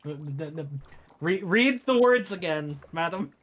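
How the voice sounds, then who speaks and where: A woman's voice: on the low side, expressive, a little slow. A woman co-hosting a game stream, chatting casually with a playful, teasing manner. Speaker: co-streamer playing along. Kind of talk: casual gameplay chat.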